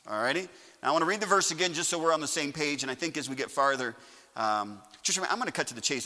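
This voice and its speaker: A man's voice: fairly high pitch, pushed and bright, long reverb tail. A man preaching a sermon to his congregation in a folksy way, often checking in with the listeners. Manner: folksy, repeatedly asks the congregation "all righty?". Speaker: pastor. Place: church sanctuary.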